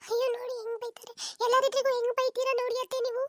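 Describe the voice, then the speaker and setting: A squeaky, rapid-fire young daughter-in-law, played by a woman, quick with comebacks in a cartoon household squabble. The voice sits very high and runs very fast, recorded dry and close. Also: level tone, no echo. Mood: defensive. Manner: quick, retorting, argumentative. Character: sharp-tongued young daughter-in-law, defensive. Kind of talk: comic cartoon dub.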